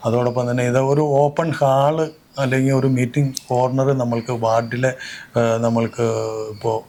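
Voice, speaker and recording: A man's voice: mid-range voice, flat delivery, dark tone. Earnest man laying out plans. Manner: earnest, measured, lists plans point by point. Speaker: local election candidate. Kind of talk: interview answers.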